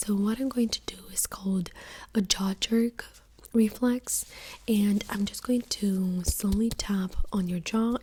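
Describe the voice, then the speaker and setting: A woman doing a whispered role-play as a doctor in a soft-spoken ASMR exam, gently giving step-by-step instructions in a breathy whisper. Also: medium pitch.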